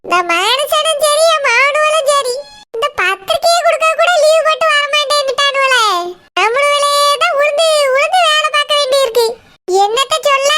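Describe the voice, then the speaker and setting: Brief: cartoon mother-in-law, Kanyakumari Tamil accent, bossy and sarcastic, squeaky high voice, loud noisy background with clicks. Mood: grumbling. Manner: scolding, sarcastic, grumbling. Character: nagging older village mother-in-law, bossy and complaining.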